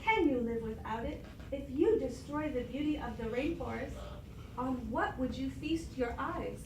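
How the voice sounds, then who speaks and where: A woman voicing a lazy, unhurried female sloth who asks thoughtful questions, in a storybook read-aloud. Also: sits high, expressive. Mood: pensive. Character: slow, lazy female three-toed sloth, gently philosophical. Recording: roomy, distant classroom recording with noise.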